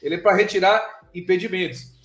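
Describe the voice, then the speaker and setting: A man's voice: high voice, brisk, fairly bright tone, echoey room. A man from Bahia, hosting a live interview in a chatty, informal way. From Bahia, Brazil. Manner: chatty, informal, frequent filler words. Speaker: live show host.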